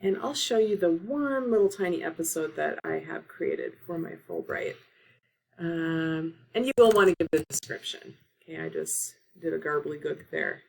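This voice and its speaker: A woman teacher-librarian giving a casual tutorial, talking through steps on her laptop with frequent fillers, recorded on the laptop microphone. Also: medium pitch. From Oregon. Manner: casual, filler-heavy instruction. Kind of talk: screen-share tutorial.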